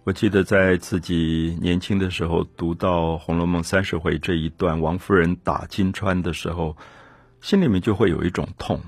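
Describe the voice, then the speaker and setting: A man with a low, husky voice gives an earnest literary lecture, thinking aloud and leaning on key words. The sound is close and dry, with no room around it. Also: fairly even intonation, moderate pace, no echo, faint music behind.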